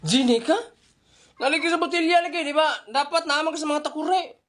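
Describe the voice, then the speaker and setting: A man's voice: very high-pitched, steady tone, a little fast, fairly bright tone, pitched above the performer's own voice. A man voicing a brash, teasing genie from a bottle who grants wishes.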